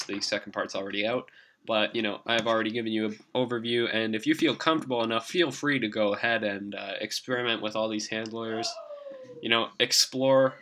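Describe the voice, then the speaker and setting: A young man hosting a coding tutorial in a casual, rambling monotone, with fillers and self-corrections. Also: fairly low pitch. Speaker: programming tutorial host. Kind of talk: screen-recorded coding tutorial.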